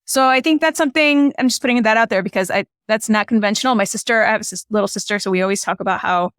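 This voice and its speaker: Telling stories casually as a guest, this Illinois filmmaker, a native Spanish speaker, chats quickly and leans heavily on "you know" and "like." Her medium-pitched voice is clear and resonant, captured in clean studio sound without any room tone.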